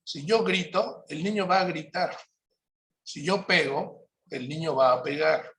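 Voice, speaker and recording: A man presenting a parenting workshop, explaining points in a calm, measured way and often checking in with his listeners. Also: on the high side, a little hiss or hum.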